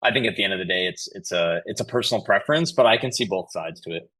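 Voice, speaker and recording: A company chief executive, appearing as a podcast guest, answers interview questions in a conversational, explanatory way and often says "you know." His voice sits low, and he talks fast with a sharp tone.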